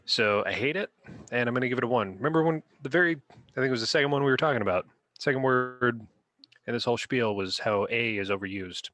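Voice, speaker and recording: Bright-voiced man rambling playfully. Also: medium pitch, quick pace, no room sound, studio quality. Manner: playful, rambling, reads definitions aloud. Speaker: podcast co-host. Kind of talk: casual chat, rating dictionary words.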